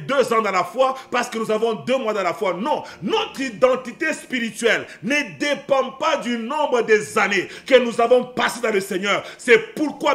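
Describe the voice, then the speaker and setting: A man preaching a sermon with fervour, often rising to a shout and repeating phrases. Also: very high voice. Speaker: pastor.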